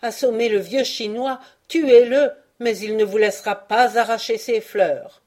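A woman's voice: on the low side, a little slow, a little mellow. A woman reading aloud and voicing a humble old male Chinese gardener, deferential and imploring in a storybook. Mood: desperate. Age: older. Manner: deferential, imploring, bursts out in anguish.

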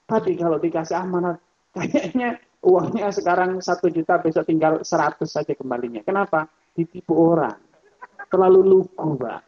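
High-voiced lively male lecturer, muffled. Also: normal speed, breathy edge. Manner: lively and rhetorical, addressing the audience directly; mimics other people's voices when quoting them. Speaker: Islamic scholar and lecturer. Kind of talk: religious study lecture on economics.

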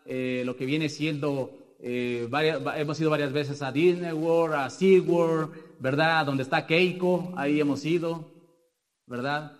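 Mexican man, rambling motivational testimony, high voice, long hall reverb. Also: fairly even intonation, unhurried. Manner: rambling, tag questions after every point. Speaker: business speaker sharing success story.

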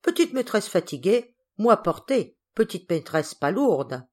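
A woman's voice: medium pitch, sing-song, unhurried, darkish tone. Woman playing a loyal manservant, broken simple phrasing, fussing and protective, storybook voice. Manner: broken, childlike grammar. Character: devoted male servant speaking broken French.

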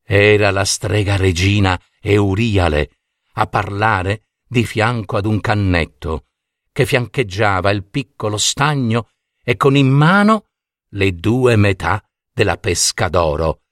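A man narrating a fairy tale in a slow, expressive storyteller style. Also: lowish voice, dry recording, clean studio sound.

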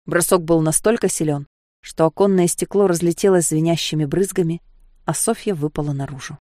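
A woman narrating an audiobook in a measured, expressive reading voice. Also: low voice, dry recording, clean studio sound.

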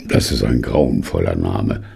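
A man's voice: very deep voice, lively intonation, moderate pace, vocal fry, mellow, slightly rough, heavily acted. A man reading a dry, grumbling young man. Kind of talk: audiobook reading.

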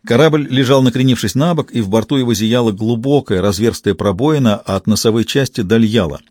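A man narrating an adventure novel in a calm, even storytelling manner. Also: mid-range voice, fairly quick, no room sound, clean studio sound. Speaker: audiobook narrator. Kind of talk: scripted narration.

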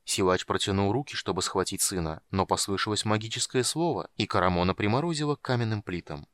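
A man narrating a fantasy audiobook in an even, measured reading. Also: fairly low pitch.

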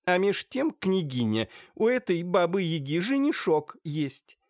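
A man voicing a shrill, hysterical middle-aged woman who hurls venomous insults. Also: sing-song, unhurried, dry recording, studio quality. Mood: furious, spiteful. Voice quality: shrill, screeching. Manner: venomous insults, theatrical outbursts.

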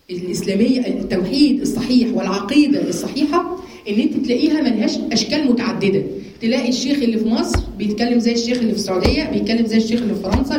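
A woman's voice: fairly high pitch, darkish tone, reverberant, poor audio. A woman with an Egyptian Arabic accent teaching a religious lesson to women, asking and answering her own questions as she explains verses. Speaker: Quran teacher.

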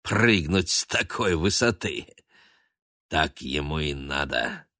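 Brief: male reader as a sneering bully cat; mocking, loud and slow. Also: a bass voice, animated, no echo, studio quality, full character voice. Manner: sneering, taunting.

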